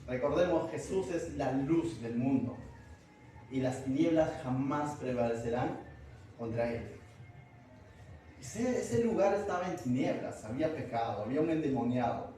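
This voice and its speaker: A man's voice: mid-range voice, lively intonation, a little slow, warm tone, heavy reverb, distant mic, a little hiss or hum, low-quality recording. A man from Peru preaching a verse-by-verse Bible study, conversational, asking his congregation questions. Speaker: pastor. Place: church hall.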